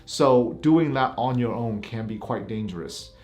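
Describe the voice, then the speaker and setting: A man's voice: medium pitch, lively intonation, unhurried, a little mellow. A middle-aged man, a physician, reacting to clips in a casual commentary, giving blunt warnings with a half-joking edge.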